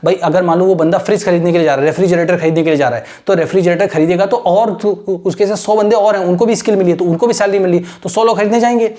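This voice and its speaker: A man's voice: high voice, steady tone, rapid-fire, hardly any pauses, mellow. A man teaching English grammar, explaining step by step and checking in with his students after almost every sentence. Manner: explains step by step with constant "right?" check-ins. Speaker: English teacher for exam aspirants. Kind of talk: mixed Hindi-English lecture.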